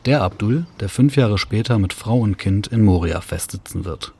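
Low-voiced man narrating a documentary. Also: lively intonation, warm tone, slightly rough. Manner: measured, descriptive. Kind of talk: scripted narration.

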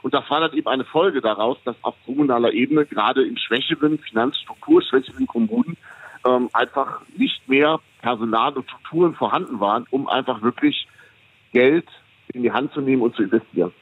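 A man, an economist guest, giving measured, explanatory interview answers with frequent hesitations. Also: medium pitch, animated, husky. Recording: tinny phone line, dry.

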